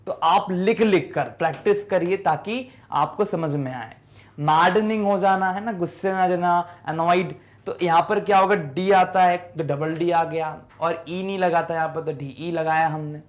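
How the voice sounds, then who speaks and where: Slowly and syllable by syllable, a high-voiced man draws out words as he teaches spelling to students. It's a classroom lesson on English spelling, and he keeps asking questions only to answer each himself.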